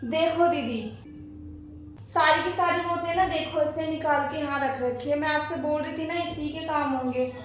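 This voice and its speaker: A woman's voice: high-pitched, fairly even intonation, normal speed, a little hiss or hum, natural voice. A woman playing a patient, hardworking young daughter-in-law who answers politely and tries to please. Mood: placating. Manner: polite, placating, eager to please. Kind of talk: homemade family skit acting. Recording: echoey room.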